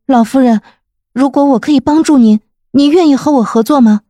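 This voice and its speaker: A woman voicing a polite young maid who speaks gently and respectfully to an old lady. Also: sits high, brisk, no echo, voice pushed up. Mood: polite earnest. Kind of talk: audiobook character voice.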